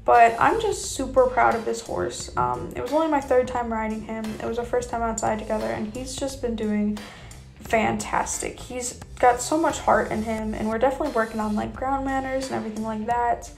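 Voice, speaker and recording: A young woman who rides horses gives a chatty, informal vlog voiceover with background music behind her. Her voice is on the high side with vocal fry, and she hedges with "kinda" and "you know."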